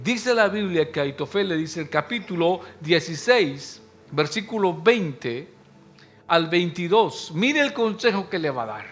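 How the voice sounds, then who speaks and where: A pastor delivers a Sunday sermon in an emphatic preaching manner, repeatedly turning to his listeners. His voice sits high and rings bright and sharp. Soft music lingers faintly behind him. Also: big pitch swings, measured pace. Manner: emphatic preaching, often calling listeners "hermano".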